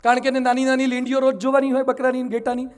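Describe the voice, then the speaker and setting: Man monk, sermon, very high voice, emphatic storyteller. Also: completely flat delivery, very fast.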